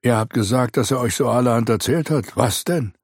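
A man's voice: mid-range voice, a little fast, slightly rough, no room sound, studio quality, voice pushed up. A man voicing a weary, grave older knight commander in an audiobook reading.

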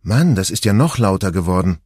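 A man's voice: low voice, sing-song, brisk, a little mellow, breathy edge, no room sound, clean studio sound, heavily acted. A man voicing a mother of two boys in an audiobook, speaking in a lightly teasing way. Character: mother of two boys, woman, 40s, easygoing.

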